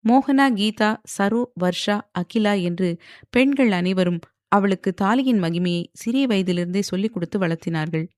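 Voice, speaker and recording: A woman's voice: medium pitch, moderate pace, dry recording. Woman narrating a novel, dry close sound. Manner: steady storytelling. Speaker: audiobook narrator. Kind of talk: scripted narration.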